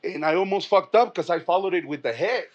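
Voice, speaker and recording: A man's voice: sits high, fairly quick. A middle-aged man, a comedian guest, telling stories in casual chat, blunt and swearing freely. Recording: dull lo-fi sound.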